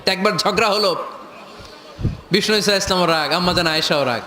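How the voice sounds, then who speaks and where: A man preaching a sermon to a live gathering, animated, shouting at times and joking with the crowd. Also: high-pitched, brisk. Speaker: Islamic preacher. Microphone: handheld or stand mic over a PA. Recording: echoey PA sound with crowd.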